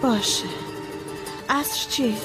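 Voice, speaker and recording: An actress dubbing a caring woman talking gently on the phone. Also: high voice, music in the background, lightly acted. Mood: gentle. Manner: relieved, gentle phone talk. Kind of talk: dubbed TV drama.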